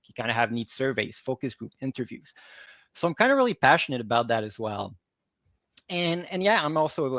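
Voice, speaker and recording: A man from Quebec City, whose first language is French and who has a Québécois accent, is a guest answering interview questions as a workplace psychology advisor. He sounds earnest and searching, restarting and repeating words as he thinks. His mid-range voice is fairly bright, but the audio is dull with no room sound.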